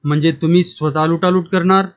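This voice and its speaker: A haughty, short-tempered government officer, as a man reads him in a storybook tale. His voice runs high and snappish. The recording is dull and lo-fi. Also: steady tone, brisk, close to an everyday voice. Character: irritable male government district officer.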